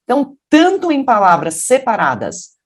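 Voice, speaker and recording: A woman from Brazil teaching English pronunciation, explaining patiently and then modeling English words in a deeper voice. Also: wildly swooping pitch, normal speed. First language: Portuguese. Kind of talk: pronunciation lesson.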